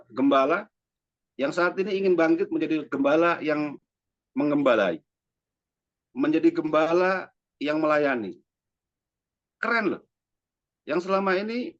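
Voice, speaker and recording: A man's voice: fairly high pitch, no echo, highs cut off. A man, a religious teacher, introducing people to a gathering in a chatty, joking way. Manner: chatty and joking, often adds "ya" and "teman-teman". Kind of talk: casual speech to a gathering.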